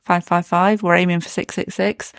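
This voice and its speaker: Gravelly-voiced chatty podcast co-host. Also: medium pitch, flat delivery, moderate pace, no room sound, studio quality. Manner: chatty, laughs often. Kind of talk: casual chat.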